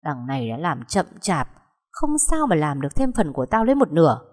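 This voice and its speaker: A woman voicing a harsh, abusive middle-aged stepmother who shouts and scolds, with a long echoing reverb. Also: low voice, very animated, fairly quick. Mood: grumbling.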